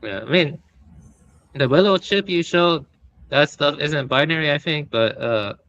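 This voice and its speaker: Bright-voiced man explaining tech. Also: fairly high pitch, lively intonation, a little slow, dull audio. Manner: explanatory, hedging with fillers. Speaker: podcast participant. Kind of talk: casual technical chat.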